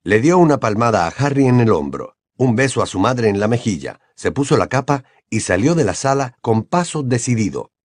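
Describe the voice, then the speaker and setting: A man narrating an audiobook with an expressive reading voice. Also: medium pitch, normal speed, few pauses, no echo, clean studio sound. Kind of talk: scripted narration.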